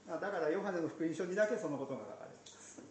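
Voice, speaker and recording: A man teaching from the Bible in a conversational way, slipping in playful asides and soft laughs. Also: a little high, racing. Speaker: pastor. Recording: roomy echo, faint background noise.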